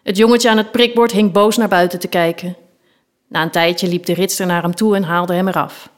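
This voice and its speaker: A woman, the author of a children's book, reading a story from it aloud in a lively storytelling manner. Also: lowish voice, brisk.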